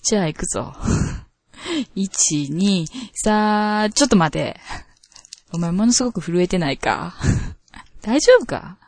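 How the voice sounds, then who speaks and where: A woman's voice: medium pitch, sing-song, slow, pauses often, a little mellow, dry recording, full character voice. A woman voicing a domineering, sadistic woman who taunts and gives orders, with a Kansai accent. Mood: taunting. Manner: commanding, taunting, scornful. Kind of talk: scripted role-play line reading.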